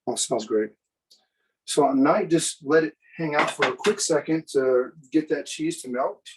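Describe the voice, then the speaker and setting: A man presenting a live cooking demonstration for students, in a relaxed, chatty way with many fillers. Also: on the high side, moderate pace, recorded from a distance, noisy background.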